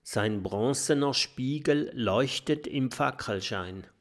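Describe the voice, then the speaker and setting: A man reading a children's story aloud with expressive, storytelling delivery. His voice is gravelly and he takes his time over each line. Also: mid-range voice, takes it slowly. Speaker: audiobook narrator.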